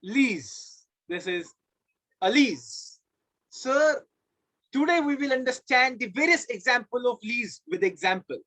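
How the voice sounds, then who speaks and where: A man's voice: extremely high pitch, expressive, slow, sharp tone, dry recording, rough recording. A man with an Indian accent teaching a live online class, emphatic and repeating key phrases. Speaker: law teacher. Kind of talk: live online lecture to students.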